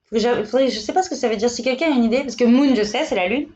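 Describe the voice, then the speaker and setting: Woman, live-stream seller, chatty salesy banter, high-ish voice, roomy and muffled recording. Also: racing, a little mellow. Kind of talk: live shopping stream pitch. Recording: echoey room, dull lo-fi sound.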